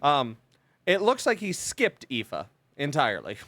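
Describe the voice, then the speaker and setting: A man's voice: a little high, huge pitch swings, unhurried, a bit bright, dry recording. A man acting as game master, describing a tabletop scene in a hesitant way full of fillers.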